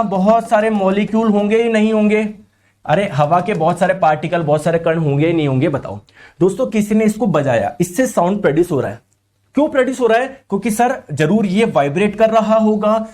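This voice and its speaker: A high-pitched man teaching, his throat a little sore. He is animated and keeps questioning the class, then answers in the students' voice. His voice sits above most men's. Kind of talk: lively classroom lecture.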